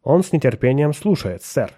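Man voicing a quiet formal interpreter. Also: mid-range voice, sing-song, moderate pace. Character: dutiful male interpreter relaying an alien reply.

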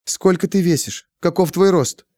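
A man's voice: high-pitched, moderate pace, darkish tone, dry recording, studio quality, voice pushed up, close to an everyday voice. A man voicing a determined young woman who keeps pressing with questions. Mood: coaxing. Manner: insistent questioning.

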